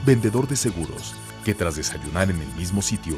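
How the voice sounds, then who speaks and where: A man with a fairly low voice delivers measured, formal documentary narration. Clear music plays underneath him throughout. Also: lively intonation. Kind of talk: scripted narration.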